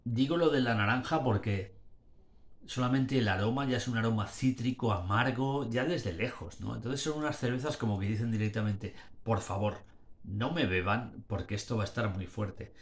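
A man in his forties with a somewhat low voice talks straight into a close webcam or phone in a small, dimly lit room. He reviews a beer in a loose, rambling way, slurring now and then and restarting his sentences. He comes across as a bit tipsy and plays it up. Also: moderate pace. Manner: slurred, rambling speech with restarts, playing up drunkenness. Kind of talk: casual video review. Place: small dim room indoors. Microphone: webcam or phone at arm's length.

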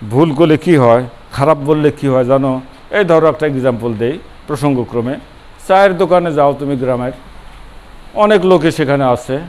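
A man's voice: fairly high pitch, darkish tone. An older man, a former college principal, giving a grammar lecture to students, stressing words, repeating them and sounding them out syllable by syllable. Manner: emphatic, repeats key words, breaks words into syllables; asks students questions and answers them himself. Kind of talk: classroom lecture.

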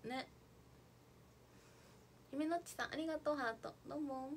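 A woman's voice: high-pitched, moderate pace, a little hiss or hum. A young woman chatting casually on a livestream, reading out viewer comments and thanking them as she goes. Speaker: idol livestreamer.

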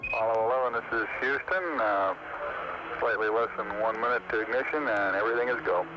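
A man in mission control calls out in clipped, matter-of-fact radio procedure. His voice comes through a crackly space radio link, buried under loud static hiss from an archival recording. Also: fairly low pitch, fairly quick, lo-fi sound. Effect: crackly space radio transmission.

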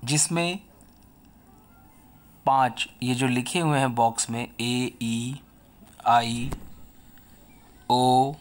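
Indian-accented male teacher for a recorded kids' lesson, very unhurried and patient, mid-pitched. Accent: Indian English. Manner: slow, patient, explains each point in Hindi and English. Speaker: school English teacher. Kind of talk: recorded online lesson for children.

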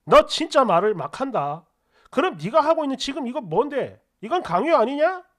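A woman's voice: a little high, expressive, moderate pace, close to an everyday voice. A woman voicing a stubborn, considerate husband. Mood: angry. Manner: insistent, arguing back. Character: exasperated adult husband, considerate but stubborn.

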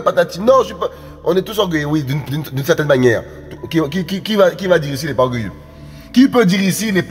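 A man's voice: high voice, breathy edge, in a large hall. A man preaching a sermon with passion, repeating phrases and sometimes breaking into song. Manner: impassioned, repetitive, breaks into sung phrases.

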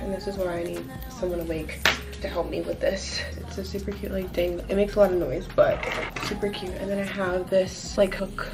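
A woman's voice: lowish voice, steady tone, a little fast, creaky. A young American woman chatting casually to her vlog viewers in a bubbly, girly sorority-girl manner. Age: young adult. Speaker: vlogger, sorority member. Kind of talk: casual get-ready-with-me vlog chat. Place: small bedroom, later inside a car. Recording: music playing behind the voice.

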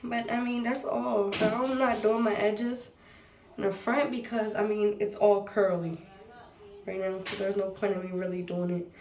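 A woman's voice: medium pitch, fairly even intonation, moderate pace, a little mellow. Young woman w a stuffy cold voice, chatty vlog, echoey room, mic kinda far, noisy. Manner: chatty, addresses viewers as y'all. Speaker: vlogger. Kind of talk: casual hair tutorial vlog.

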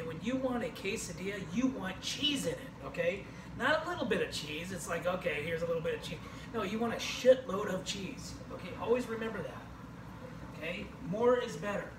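A man in his forties hosting a home cooking show, joking and rambling as he cooks, saying "okay" again and again. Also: sits high. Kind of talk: casual cooking demonstration. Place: home kitchen, indoors. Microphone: camera across the room. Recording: echoey kitchen, distant camera mic, noisy.

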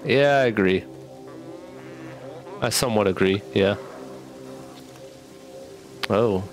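A young gaming streamer gives casual let's play commentary over game music, talking slowly in a lowish voice. He has retainers in his mouth and is a little sick, getting over an illness with a cough.

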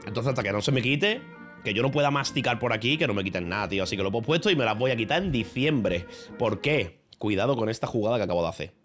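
A man with a Spain Spanish accent rambles casually to his livestream audience. He jokes and speaks sarcastically, swearing often, in an ordinary mid-pitched voice. Faint music plays behind him. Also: expressive, fast talker, fairly bright tone. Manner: joking, sarcastic, heavy swearing. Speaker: streamer.

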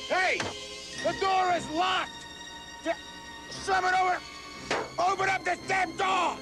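Flustered, pompous police captain. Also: male voice, very high voice, steady tone, slow. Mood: angry. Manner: shouting, panicky and self-important. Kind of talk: 1980s film comedy acting. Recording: film soundtrack with loud music.

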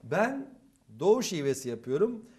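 A man's voice: high voice, normal speed, breathy edge. A young man from eastern Turkey, a theatre club instructor, telling stories animatedly in a casual interview and acting out the dialogue. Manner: animated, acts out quoted dialogue with shifting loudness.

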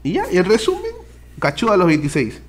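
A young Peruvian man streaming, telling his viewers a story straight to camera. His voice sits a little high and swings widely up and down as he rants. He is loose, slangy and full of swearing. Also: brisk. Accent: Peruvian Spanish. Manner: animated, slangy and profane, addresses viewers directly.

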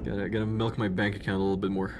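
A young man with a Slavic accent, from the Czech Republic or Slovakia, chats casually while streaming a game, rambling with plenty of fillers and restarts. His voice sits lowish, his delivery is flat and racing, and the audio is noisy. He's at home in front of a gaming chair, with faint game music in the background.

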